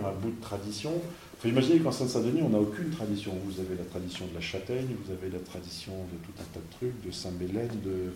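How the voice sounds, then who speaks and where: A man's voice: on the low side, dark tone, reverberant, slight background noise. A man, a parish priest, giving an informal talk to an audience, conversational and emphatic, full of fillers and restarts.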